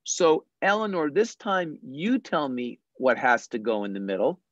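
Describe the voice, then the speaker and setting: Slow, patient math teacher over a dull call. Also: mid-range voice, sing-song, no echo. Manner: slow, patient, deliberate explaining. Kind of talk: teaching young children in an online class.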